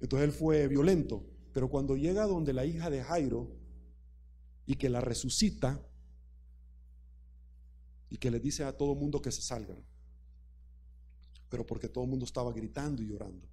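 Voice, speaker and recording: Emphatic male preacher, mellow voice. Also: mid-range voice, normal speed, pauses often, slight background noise. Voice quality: emphatic and repetitive, addressing the congregation directly. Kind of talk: sermon.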